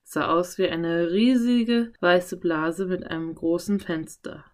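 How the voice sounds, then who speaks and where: Calm woman reading a children's story. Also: on the low side, a little slow. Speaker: narrator. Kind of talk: audiobook narration of a children's story.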